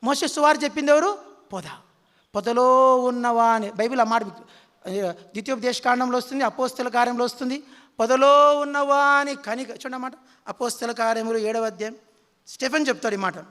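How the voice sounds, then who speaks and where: A man's voice: very high-pitched, fast, a bit bright, big-room sound. A man preaching a sermon, quizzing his listeners with repeated questions.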